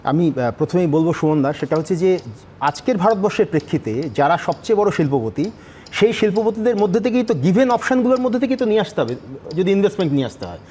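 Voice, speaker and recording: A man's voice: sits high, sing-song, quick pace, mellow, a little hiss or hum. A man arguing as a guest on a televised debate, insistent and talking over interruptions. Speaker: panel guest. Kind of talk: studio debate argument.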